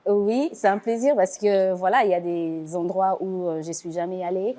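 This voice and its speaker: A young woman from the Democratic Republic of the Congo, a film director and actress, speaking as a guest in a studio interview in a soft-spoken, eager way. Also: fairly low pitch, fairly even intonation, moderate pace. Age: young adult.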